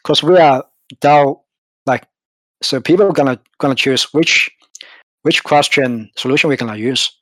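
A man's voice: medium pitch, moderate pace, a bit bright, dry recording, rough recording. A man on a crypto community call, explaining a token design in a hesitant way with many fillers. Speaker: project team member explaining tokenomics. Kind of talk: casual AMA explanation.

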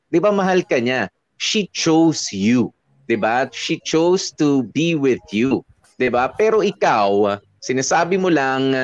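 A man of middle pitch offering earnest relationship advice in Taglish. His voice sounds dry and close, with no room around it. The recording is a little dull. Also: no echo. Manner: earnest, reflective, Taglish, many tag questions. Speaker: radio advice host. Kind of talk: advice talk to listeners.

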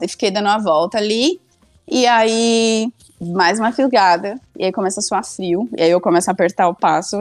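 Animated young woman telling a story. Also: mid-range voice, no room sound. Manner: animated, acts out her own past lines. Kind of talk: casual comic storytelling.

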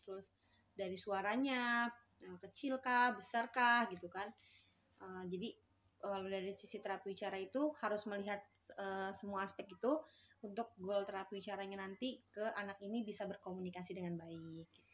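A woman who works as a speech therapist talks casually about her job, often pausing on fillers and restarting sentences in a hesitant way. Her middling-pitched voice is a bit bright with fairly even intonation, and faint noise runs beneath the recording.

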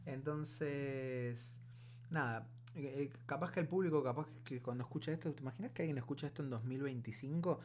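A man with a Buenos Aires Spanish accent co-hosting a casual podcast, talking in a rambling, halting, colloquial way. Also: mid-range voice, darkish tone. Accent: Buenos Aires Argentine Spanish. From Buenos Aires, Argentina. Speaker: podcast co-host. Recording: clearly noisy with a hum.

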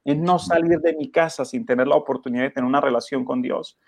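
A man's voice: mid-range voice, fast talker, no echo, clean studio sound. A man preaching earnestly, asking his listeners rhetorical questions. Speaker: pastor. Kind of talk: radio Bible study preaching.

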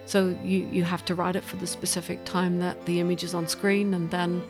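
In a reflective interview with music playing underneath, a woman discusses her creative work at a normal pace, thoughtful and emphatic as she gropes toward her phrasing. Her voice sits on the low side with little pitch movement.

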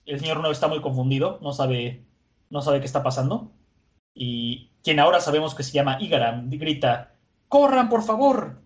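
A man casually recapping an episode, animated and chatty with many fillers. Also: mid-range voice, moderate pace.

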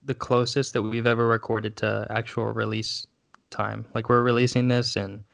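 A man's voice: fairly low pitch, little pitch movement, normal speed, creaky, a bit bright, no room sound. A man co-hosting a casual chat, with a wry, teasing manner. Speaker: podcast co-host.

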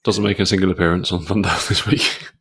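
A man's voice: low-pitched, flat delivery, quick pace, a bit bright, breathy edge. A British man co-hosting a podcast, talking in a casual, conversational way. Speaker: podcast co-host. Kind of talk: casual chat.

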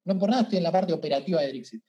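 Man, Argentine accent, interview guest, animated, colloquial, frequent restarts. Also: on the high side, racing, lo-fi sound. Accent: Argentine Spanish. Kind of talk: casual interview storytelling.

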